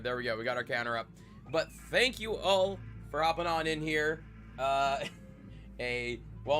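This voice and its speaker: This young man sounds congested from a cold as he chats casually with his live-stream viewers, rambling and repeating himself while talking to chat. His voice sits in the mid range and comes across pushed and bright.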